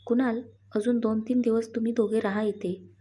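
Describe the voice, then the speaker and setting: A woman voicing a caring older father who speaks gently, choked with feeling. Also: on the high side, little pitch movement, normal speed, breathy edge. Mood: tender.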